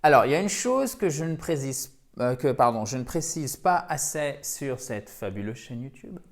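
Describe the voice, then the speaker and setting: A man explains English pronunciation in a lively, teacherly way, stepping through examples one at a time. His voice sits in a middle pitch.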